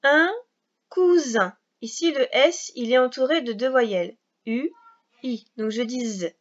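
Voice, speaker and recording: A woman teaching a recorded reading lesson for young children, explaining slowly, patiently and step by step. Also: on the high side, muffled recording.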